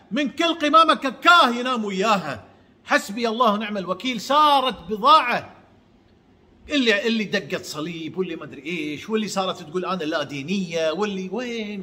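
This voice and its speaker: A man giving a heated religious monologue, swinging between shouts and low mutters. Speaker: channel host.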